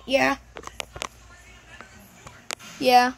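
A woman's voice: high-pitched, completely flat delivery, extremely slow, creaky, a little hiss or hum, rough recording. A woman improvising a plush puppet show, rambling with lots of fillers and switching between character voices.

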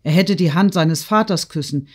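A man narrating a classic novel audiobook in a measured, literary reading. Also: on the high side. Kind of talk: scripted narration.

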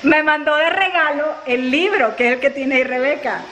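A woman's voice: sits high, moderate pace, a bit bright. A woman chatting casually in a family vlog, telling stories and laughing often. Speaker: family vlogger. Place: at home, then in a car. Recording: noisy home video recording.

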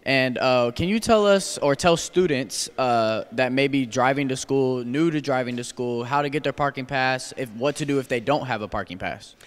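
A teenage boy hosting a school news show, reading announcements with a booming, stadium-announcer delivery. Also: normal speed, hardly any pauses, smooth. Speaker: student news host.

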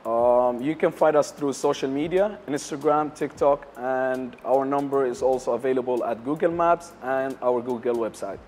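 A young man from Syria answers an interviewer in halting second-language English, leaning on fillers as he finds his words. His pitch sits in a middle range. He sounds close and clear on a lapel mic, with a faint room hum behind him. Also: darkish tone. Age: young adult. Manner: hesitant, many uh fillers, non-native English grammar. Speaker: barbershop owner, interview guest. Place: lounge area of a barbershop, indoors.

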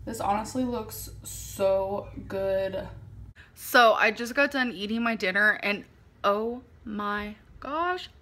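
A woman's voice: medium pitch, slow pace, bright, forceful tone. Giggly woman vlogging on a phone. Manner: chatty, giggly, talks to the camera. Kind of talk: casual vlog chat. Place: parked car, home and store. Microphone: phone camera at arm's length.

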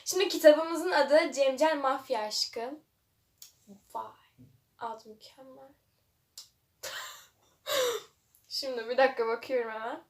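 A woman's voice: high-pitched, fairly even intonation, slow, pauses often. A young woman reading a web novel aloud for a vlog, breaking off with mocking, laughing comments. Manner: mocking asides, frequent laughter.

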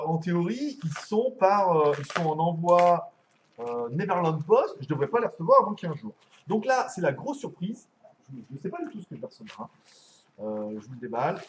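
A man's voice: high-pitched, slight background noise. A man hosting a casual live stream from home as a tech reviewer, rambling, laughing often and swearing casually.

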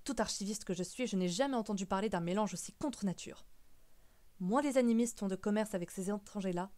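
A woman voicing a fussy, quick-tempered old great-uncle in an audiobook, loud and scolding. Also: medium pitch, lightly acted. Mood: stubborn. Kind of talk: audiobook character reading.

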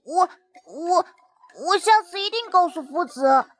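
A woman's voice: sits high, extremely slow, heavily acted. Woman voicing a timid crybaby little boy. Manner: timid, pleading, hesitant.

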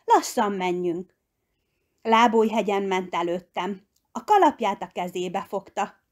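A woman reading a children's story aloud, lifting her voice on key words. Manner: expressive, pitch leaping on key words. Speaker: audiobook reader. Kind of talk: storybook narration.

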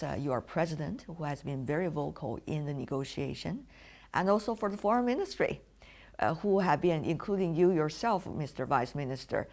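A woman conducting a formal interview, putting long, deliberate questions as the interviewer. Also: low-pitched, vocal fry, darkish tone.

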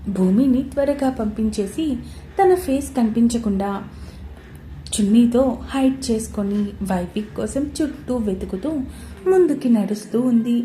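A woman narrating a romance story in a steady, scripted reading. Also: on the high side, a little slow, slight background noise. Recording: roomy echoey recording.

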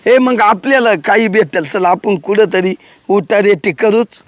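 Brief: a wheedling village lover, fairly high voice, excitable, dry close sound. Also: male voice, a little slow, dry recording. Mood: coaxing. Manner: coaxing, pleading, excitable. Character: young village lover, cautious, coaxing and scheming. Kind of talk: village comedy sketch acting.

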